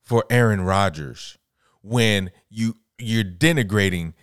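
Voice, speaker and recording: A man co-hosting a casual podcast, talking sports in an animated way. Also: lowish voice, slow pace, clean tone, dry recording, clean studio sound. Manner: animated, mimics voices when quoting others. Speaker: podcast co-host.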